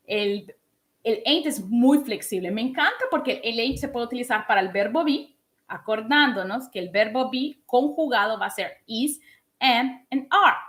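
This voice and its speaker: A woman in her thirties giving a casual online English lesson in a lively, chatty way, often asking her listeners questions. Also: a little high, normal speed. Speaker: English teacher.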